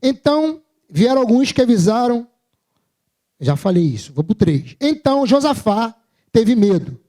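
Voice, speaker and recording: A man's voice: extremely high pitch, very animated, a little slow, dark tone. A Brazilian man preaching a sermon at a church service, telling personal stories in a humorous, self-mocking, conversational way.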